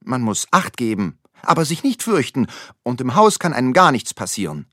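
A man's voice: mid-range voice, big pitch swings, normal speed, sharp tone, no echo, studio quality, voice pushed up. A man voicing a clever little girl who eagerly explains things and encourages others.

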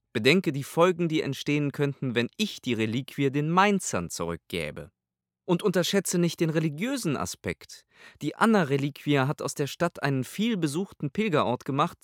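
An irritable old pope, pompous and commanding, as a male reader puts him on. The voice is pushed high and loud, with a lively, swinging pitch. It is heard close and dry, with no room sound, as in a spoken audiobook. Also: dry recording. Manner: pompous, raised and forceful delivery. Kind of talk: audiobook character voice.

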